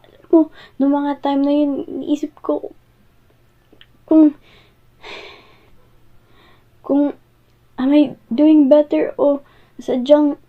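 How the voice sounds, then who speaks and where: Woman doing upset jealous filipino girlfriend roleplay, high voice, pleading n stumbling, sounds like thru a phone. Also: flat delivery. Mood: pleading, insecure. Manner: pleading, halting, emotional. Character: hurt jealous girlfriend confronting partner who came home late. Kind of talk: audio role-play drama. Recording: muffled, phone-like audio.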